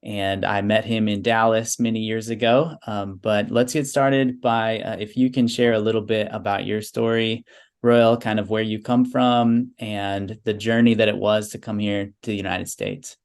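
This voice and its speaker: A man interviewing a longtime friend, asking questions in a relaxed, friendly way with some fillers. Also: lowish voice, normal speed, smooth. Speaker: interviewer, host. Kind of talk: casual interview.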